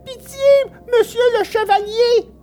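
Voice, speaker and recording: Squeaky storybook puppet boy, frightened, pleading, very high, slow. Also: animated, darkish tone, faint music behind.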